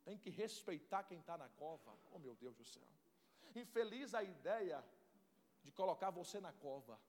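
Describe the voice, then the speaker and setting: A male pastor delivers a passionate sermon. His voice is high for a man. He sweeps from near-whispers up to ringing shouts, and a long hall reverb trails each phrase. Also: lively intonation, moderate pace. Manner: fervent, swings from hushed to shouting. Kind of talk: preaching sermon.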